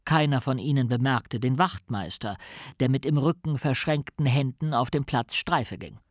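A man reading a children's story aloud in a calm, expressive storytelling manner. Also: mid-range voice, normal speed, no room sound, studio quality. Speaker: narrator. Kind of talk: audiobook storytelling.

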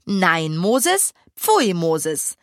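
A woman's voice: very animated, very slow, no echo, studio quality, full character voice. A woman reading a storybook, voicing a young girl who is upset and near tears as she chases a runaway pig. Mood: scolding. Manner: shrill, pleading, near tears.

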